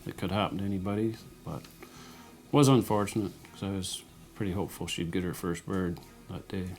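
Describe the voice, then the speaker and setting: A man's voice: low voice, fairly even intonation, a little fast, darkish tone. A man, a turkey guide, recalling a hunt in a plain, matter-of-fact way. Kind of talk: casual interview recollection.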